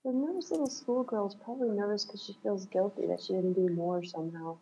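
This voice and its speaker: A woman's voice: medium pitch, a little fast, warm tone, highs cut off, slight background noise. A woman on a reflective coaching call, talking thoughtfully and searching for words, laughing often. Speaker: coaching client.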